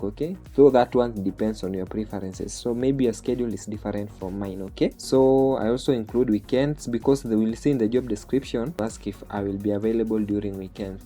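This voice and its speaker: He speaks in a mellow, mid-range voice with a Kenyan accent, a Swahili-speaking man from Kenya hosting an online jobs tutorial. Step by step he explains what's on his shared screen, often finishing phrases with a checking "okay?".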